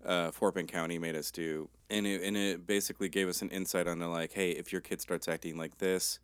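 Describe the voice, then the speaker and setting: A man in his thirties with a rough, tired-sounding voice, chatting as a podcast co-host in a laid-back, joking way. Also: sits low, little pitch movement, brisk, dry recording. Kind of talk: casual chat.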